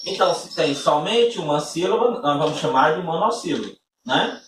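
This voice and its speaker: A man's voice: on the high side, expressive, moderate pace, recorded from a distance, noisy background. A man teaching a lesson, explaining patiently step by step and often checking in with his listeners. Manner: patient step-by-step explaining, frequent tag questions. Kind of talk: recorded classroom-style lesson. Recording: echoey room, voice from off-mic.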